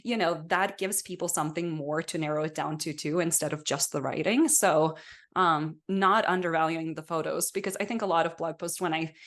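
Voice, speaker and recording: Chatty woman photographer, lower voice. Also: fairly even intonation, fairly quick, a bit bright. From Norway. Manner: chatty, many fillers like "like" and "you know". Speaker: guest, elopement photographer. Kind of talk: casual podcast interview.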